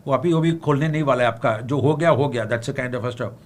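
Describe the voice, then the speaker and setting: A middle-aged man with an Indian English accent answers viewers' budget questions on a livestream Q&A, talking rapid-fire in a mid-range voice. He's frank, full of fillers and restarts, tacks on tag questions and sometimes switches into Hindi.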